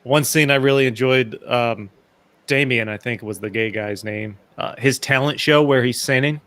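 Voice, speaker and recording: A man's voice: mid-range voice, moderate pace, a bit bright, no echo. A man co-hosting a casual movie review podcast, rambling with many fillers and restarts. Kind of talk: casual chat.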